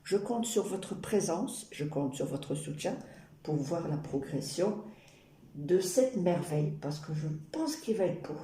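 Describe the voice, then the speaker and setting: A woman's voice: lowish voice, expressive, a little slow, warm tone. A woman chatting casually and ramblingly to her viewers while she crafts, with playful asides. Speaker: YouTube craft vlogger. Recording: roomy echo, noisy background with clicks.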